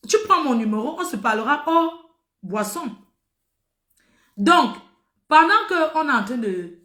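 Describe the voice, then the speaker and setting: A social media personality, a middle-aged woman, tells a story directly to her viewers in an animated, emphatic style, driving her points home through repetition. Her high voice comes across bright and forceful, and the recording carries a noticeable roomy echo.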